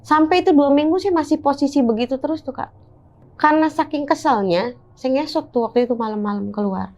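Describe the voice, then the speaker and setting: A woman's voice: high-pitched, brisk, a little mellow. A woman telling her own ghost story in casual, chatty speech, often addressing the listener directly. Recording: dull lo-fi recording.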